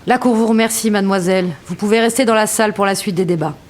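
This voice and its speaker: An actress playing a firm, formal presiding judge with an authoritative manner in a courtroom audio drama. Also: female voice, medium pitch, fast, darkish tone, lightly acted. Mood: formal, composed.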